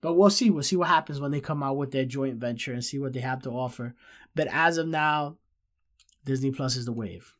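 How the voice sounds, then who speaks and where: A man's voice: medium pitch, a little fast. Nasal, congested man hosting a podcast. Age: 30s. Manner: emphatic repetition, addresses listeners as guys. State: stuffed-up nose from a cold, short of breath. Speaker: podcast host. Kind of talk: solo pop-culture podcast commentary, casual.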